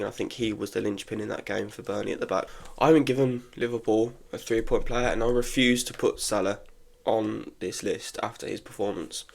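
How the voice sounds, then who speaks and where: Speaking in a lowish, gravelly voice, this young football podcaster is stuffed up from being sick. He reviews matches alone in a loose, chatty way, giving blunt opinions and frequently starting over mid-sentence.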